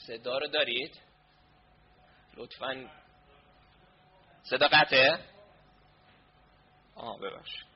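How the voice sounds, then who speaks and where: A man's voice: mid-range voice, steady tone, pauses often, husky, muffled recording. A man presenting a live online class, flustered as he sorts out connection and sound problems aloud. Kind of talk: casual talk during a live online session.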